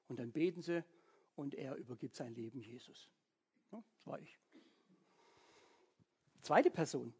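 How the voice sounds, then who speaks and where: A man's voice: mid-range voice, unhurried, long pauses, a little mellow, breathy edge. A man preaching a sermon in a conversational way, often checking in with "ja?" and acting out people's thoughts. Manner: conversational, frequent "ja?" tag questions; acts out people's inner thoughts.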